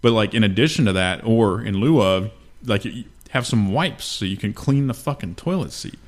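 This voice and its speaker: A man's voice: on the low side, animated, moderate pace. A man co-hosting a podcast, chatting in an easygoing, profane way into a studio mic. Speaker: podcast co-host. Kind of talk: casual chat. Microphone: studio mic with headphones.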